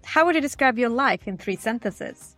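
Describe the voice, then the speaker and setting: A woman's voice: fairly high pitch, lively intonation, moderate pace, fairly bright tone, dry recording, soft background music. A woman hosting a podcast, formally reading out prepared questions. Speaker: podcast host.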